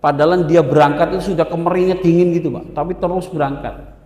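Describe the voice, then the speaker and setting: Male preacher, lively, echoey mosque hall. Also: on the high side, quick pace. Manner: lively, addresses listeners as "Pak" often. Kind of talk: casual religious talk.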